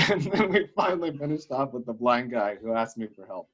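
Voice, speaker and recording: A man's voice: medium pitch, sing-song, moderate pace, fairly bright tone, muffled recording. A young man co-hosting a podcast, chatting casually and telling stories with lots of fillers. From Wisconsin. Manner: chatty storyteller, many fillers. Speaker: podcast co-host. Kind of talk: casual chat.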